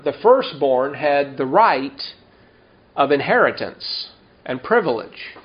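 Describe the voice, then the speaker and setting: A man preaching a sermon, reading scripture slowly and emphatically and asking the congregation rhetorical questions. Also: a little high. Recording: dull lo-fi sound.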